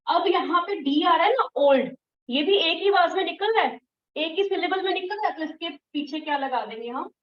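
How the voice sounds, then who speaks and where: A woman teaching English grammar in an online class, patient, repeating and drilling words slowly. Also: extremely high pitch, animated, echoey room, far from the mic, lo-fi sound, slight background noise. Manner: firm when scolding students.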